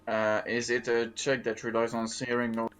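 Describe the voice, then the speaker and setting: A man plays a tabletop game and talks casually. His voice is of middling pitch. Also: monotone, normal speed, a bit bright. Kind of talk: casual chat.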